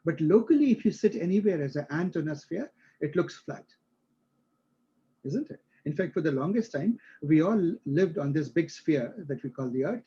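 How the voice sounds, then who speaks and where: A man's voice: a little high, expressive, normal speed, mellow, husky, dull audio. A male instructor explaining a concept to a live class, using everyday examples and often checking that students follow.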